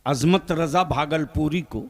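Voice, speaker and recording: A man giving a sermon to a stage audience, chanting repeated phrases and calling out for the crowd to answer, often breaking into stretched-out shouts. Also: on the high side, takes it slowly. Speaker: religious speaker.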